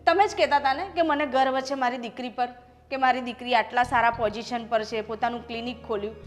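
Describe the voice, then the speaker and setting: An upset, defiant young daughter, played by a woman, speaks in a high voice. The room rings with a long reverb, and soft music runs underneath. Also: fairly even intonation, fast, lightly acted. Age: young adult. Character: proud, unhappy young married daughter. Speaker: doctor. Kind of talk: short-film family drama acting.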